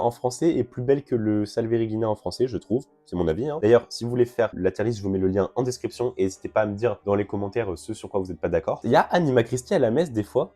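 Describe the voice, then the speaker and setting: A man's voice: mid-range voice, warm tone. A young man in casual vlog commentary, chatty and self-mocking as he rambles through his rankings.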